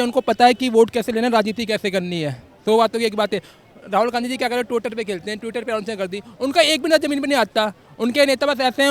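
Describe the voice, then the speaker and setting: A man on a city street giving an argumentative political opinion to a reporter, conceding points before pressing his own. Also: very high voice. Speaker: passerby interviewed on the street. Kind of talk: street vox-pop opinion.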